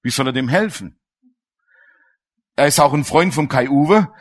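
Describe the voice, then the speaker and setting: A man with a mid-range, expressive voice preaches at a measured pace, delivering a sermon full of personal stories. His style is colloquial and storytelling, and he turns to his listeners with questions.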